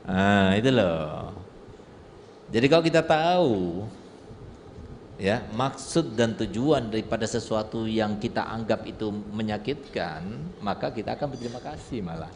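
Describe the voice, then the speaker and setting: A man's voice: on the low side, animated, unhurried. A male Islamic preacher giving a humorous sermon with storytelling, full of rhetorical questions to his audience. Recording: reverberant hall with faint noise.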